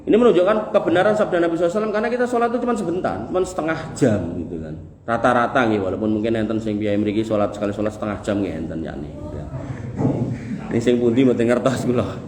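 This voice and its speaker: A Javanese-accented man preaches to a congregation in a folksy, joking style, hammering points home through rhythmic repetition. His medium-pitched voice is animated and racing, with a crowd audible behind him in an echoey room with faint noise.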